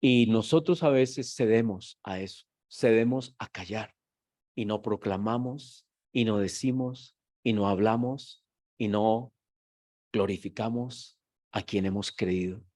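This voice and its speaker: A man preaching a sermon as pastor. His delivery moves between quiet, reflective talk and loud, emphatic shouting. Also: on the low side, a little slow, no echo, clean studio sound. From Colombia.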